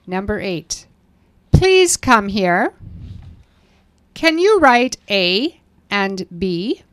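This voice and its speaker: Female lesson reader, slow, careful prompts, very dry studio sound. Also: mid-range voice, very animated, fairly bright tone, dry recording. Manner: slow, clearly enunciated prompts. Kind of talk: scripted language lesson dialogue.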